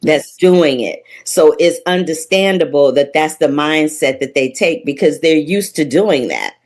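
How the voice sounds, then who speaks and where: A woman hosting a podcast, asking earnest, thoughtful interview questions at a measured pace. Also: deep voice, expressive, darkish tone.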